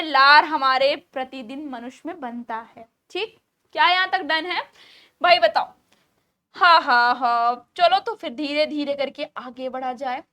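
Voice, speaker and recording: Young woman teacher, lively, keeps firing questions at her class. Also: high-pitched. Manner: lively, repeats questions to students. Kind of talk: online class lecture.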